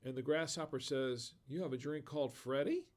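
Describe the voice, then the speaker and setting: A man's voice: medium pitch, moderate pace. American man laughing at his own dad jokes. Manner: reads chat comments aloud. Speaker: livestream host. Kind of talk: casual live-stream chat.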